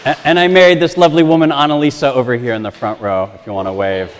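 A man preaching a sermon, telling lively, self-mocking stories from the pulpit, his voice ringing with a cathedral-like echo in a large church. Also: medium pitch, fast, noisy background. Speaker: pastor. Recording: long reverb in a church hall.

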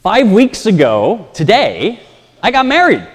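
A man preaching a sermon, telling lively, self-mocking stories from the pulpit, his voice ringing with a cathedral-like echo in a large church. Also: sits high, measured pace, a little hiss or hum. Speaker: pastor. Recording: long reverb in a church hall.

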